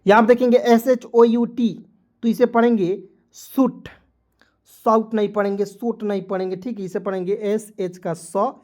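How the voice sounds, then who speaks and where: A man's voice: high voice, level tone, normal speed, few pauses, darkish tone. Male online tutor, patient and repetitive, spells out words and quizzes his audience. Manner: repetitive, addresses viewers as friends. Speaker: online English teacher. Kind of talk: Hindi-language video lesson.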